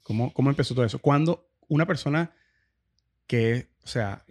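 Podcast host, a man, middle-pitched and conversational, who trips over his words and restarts a lot. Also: normal speed, darkish tone. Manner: hesitant, repeats words while searching for them. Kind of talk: casual interview chat.

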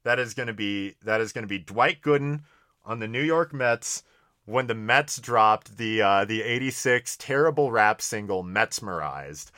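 A man with a bright, forward voice in a close, dry recording. He talks in casual podcast banter, hesitant and rambling, leaning on "like" and easygoing slang as he finds his way through a thought. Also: lowish voice, lively intonation, normal speed, dry recording. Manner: hesitant, rambling, heavy use of "like". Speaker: podcast co-host. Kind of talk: casual banter, fantasy draft commentary.

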